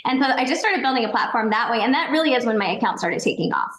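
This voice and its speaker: A candid, chatty woman in her forties, speaking as a podcast guest with a slightly high voice. Her talk is easygoing and peppered with "like". The recording has a roomy echo around her. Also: expressive, fast talker, fairly bright tone, slight background noise. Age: 40s. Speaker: guest, makeup seller. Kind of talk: casual interview chat.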